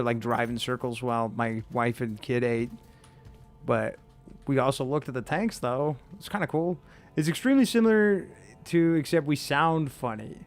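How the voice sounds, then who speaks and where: A young man from the United States casually talking with viewers while playing a game, laid-back and cursing often. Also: mid-range voice. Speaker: streamer. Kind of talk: casual gameplay commentary.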